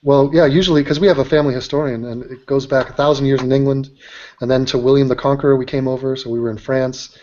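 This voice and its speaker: A man's voice: medium pitch, fairly even intonation, fast, a little mellow. A man hosting a casual chat, joking and teasing his guests. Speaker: host. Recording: dull lo-fi audio.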